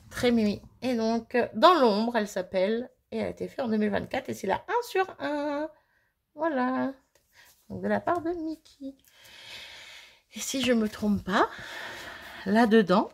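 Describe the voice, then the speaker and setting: A woman's voice: on the high side, gravelly. A woman chatting to viewers as she unboxes craft mail, bubbly and self-mocking, gushing over each item. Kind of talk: casual chat to viewers. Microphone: phone.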